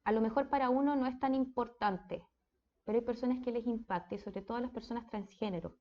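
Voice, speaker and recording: Woman, Chilean accent, speech therapy lecturer, casual and chatty, slightly high voice, muffled recording. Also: brisk. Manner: conversational, checks in with frequent "¿ya?".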